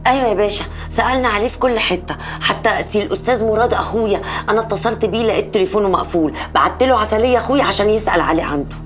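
Actress playing a brisk Egyptian sister. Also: female voice, mid-range voice, faint music behind, lightly acted. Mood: earnest. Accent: Egyptian Arabic. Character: brash working-class young sister reporting a missing brother.

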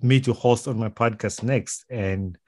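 A man with a Ugandan accent talks conversationally as he interviews guests on his podcast. His mellow, medium-pitched voice moves a little slowly. The close boom-arm mic in his small indoor home studio picks up no room sound.

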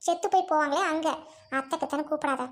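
A woman plays a scornful rich mother-in-law whose voice sits very high. She barks harsh orders in a family drama. She stays bossy and threatening. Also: steady tone, fast, close to an everyday voice. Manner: bossy, scolding, harsh commands. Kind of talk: amateur Tamil family drama acting.

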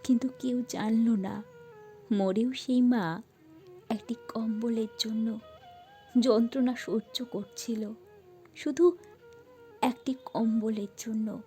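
Slow, mellow woman storyteller. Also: fairly high pitch, steady tone, faint music behind. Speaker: narrator. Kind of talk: scripted story narration.

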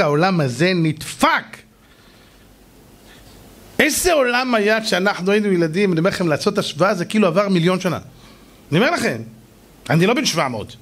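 A middle-aged rabbi preaches in a storytelling style, slipping into other people's voices as he tells his tales. His voice sits fairly high and sounds husky, and it rises and falls with lively swings. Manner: animated, acts out shouting voices, jokes with audience. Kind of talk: storytelling sermon.

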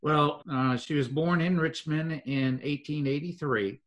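An older man, telling local history in an interview at an even pace with many fillers. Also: on the high side. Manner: measured storytelling with frequent fillers. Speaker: foundation president, guest.

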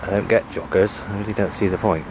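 An amateur film narrator walks a country path, offering casual, musing commentary into a handheld camera's microphone. His lowish voice moves quickly with fairly even intonation, and the outdoor camcorder sound is noisy.

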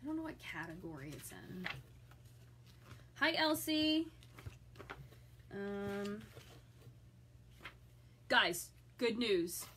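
A woman's voice: medium pitch, big pitch swings, extremely slow, long pauses, a bit bright, slight background noise. A middle-aged woman chatting with viewers as she unboxes a subscription box, enthusiastic and reacting aloud. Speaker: vlogger reviewing a subscription box. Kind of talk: live unboxing chat with viewers.

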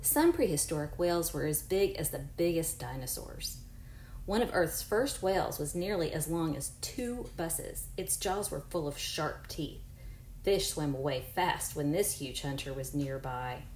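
Low-pitched and darkish, expressive and unhurried, this woman in her forties is a teacher reading a picture book aloud to young children. She encourages them, slips in chatty asides and directs questions to the unseen kids. Roomy echo and faint noise fill the recording.

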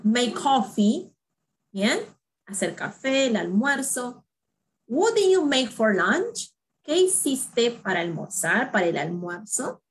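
A woman's voice: medium pitch, slight background noise, poor audio. A woman teaching an English lesson online, explaining in Spanish and repeating English examples for learners with frequent check-ins. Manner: repeats phrases slowly for learners.

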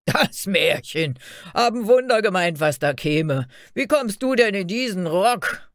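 A woman doing gruff, mocking old gate guards. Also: mid-range voice, slow, pitched above the performer's own voice, natural voice. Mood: scornful shouting. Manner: loud, harsh and mocking.

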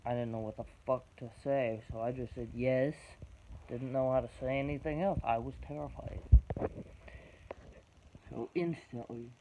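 Young man in his twenties, raw personal testimony, blunt with heavy swearing, dull lo-fi recording with a hiss behind him. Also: steady tone. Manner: blunt, halting, swearing, emotional. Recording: dull low-fi recording with background noise.

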